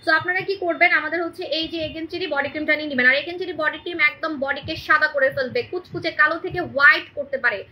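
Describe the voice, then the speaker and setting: Woman, young adult, live-stream seller, very high voice, quick, emphatic and repetitive, phone mic at home. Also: pushed and bright. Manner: emphatic and repetitive, keeps asking "right?". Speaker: online shop host selling beauty products. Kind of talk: live-stream sales pitch. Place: indoors in a room at home. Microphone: phone camera on a live stream.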